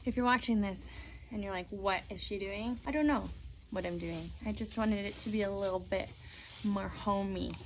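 Holding a camera or phone at arm's length, a family vlogger and mom in her thirties talks casually about her day and household chores with playful, self-deprecating humor. She speaks at medium pitch and a normal speed. The handheld recording is low quality, with obvious background noise.

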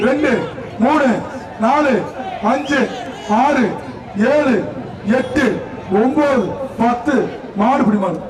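A man announcing a live outdoor bull-taming event over a loudspeaker, shouting excited warnings and cheers. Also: very high-pitched, background noise. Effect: voice heard through a loudspeaker. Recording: echoey loudspeaker from far off with loud crowd.

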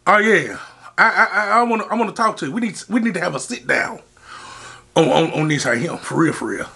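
Eating on camera, a man hosting a mukbang casually tells stories to his audience, calling out to them and boasting to hype himself up. His high, gravelly voice is lively and bright, rising and falling widely in pitch.

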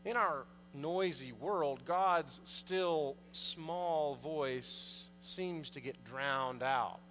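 A priest in his thirties talks extremely slowly in a fairly high, slightly bright voice as he preaches a conversational sermon and questions the congregation, with faint music behind. He is at the pulpit of a large indoor church, recorded via pulpit mic and far camera with long reverb and faint mains hum.

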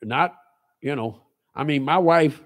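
A pastor in his sixties preaching a sermon in a small church, stressing repeated phrases and swinging between loud and low. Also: slow pace. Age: 60s. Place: small church sanctuary, indoors.

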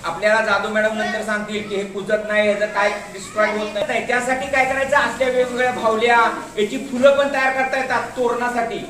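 This schoolteacher's voice is high, flat and a bit bright, moving quickly with few pauses as he patiently demonstrates a craft, repeating steps and asking the class to watch. There's a little hiss or hum, plus the echo of a roomy classroom.

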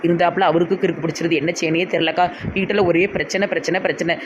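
Excitable Tirunelveli man, high and fast, lo-fi sound. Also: background noise. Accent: Tirunelveli Tamil. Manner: excitable and complaining. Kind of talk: comedy sketch acting. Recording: dull lo-fi sound.

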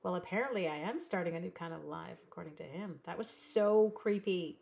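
This card-making livestream host, a woman from Canada, works at her craft room desk, cutting while she chats and reads comments aloud in a rambling, animated crafting demo. Her voice is on the low side, brisk and gravelly.

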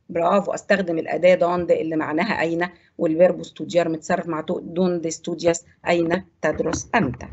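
A woman with an Egyptian Arabic accent teaches a televised Spanish class. Her voice is slightly husky, and she walks through the rules step by step, repeating words slowly. The broadcast sound is dull and lo-fi. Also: lowish voice.

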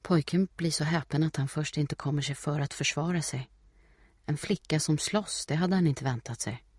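A man reading a novel aloud as an audiobook narrator, in a steady, measured way. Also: a little high, breathy edge, no echo, studio quality.

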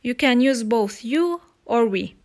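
A woman teaching young children English over slides, slow and patient, repeating each word. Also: fairly high pitch, expressive, darkish tone. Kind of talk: recorded slide lesson for children.

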